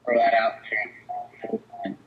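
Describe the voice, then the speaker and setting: Man on a call that keeps breaking up. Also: slow. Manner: rambling, trailing off and restarting. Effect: choppy call audio that breaks up and cuts out. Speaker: panelist on a fighting-game talk show. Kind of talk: casual panel discussion. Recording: dull lo-fi online call line.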